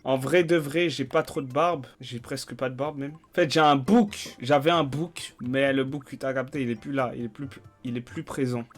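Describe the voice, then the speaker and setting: A man's voice: mid-range voice, moderate pace, few pauses, soft background music. A young man streaming a game, chatting casually in slang and swearing freely. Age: young adult. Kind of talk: casual let's-play commentary.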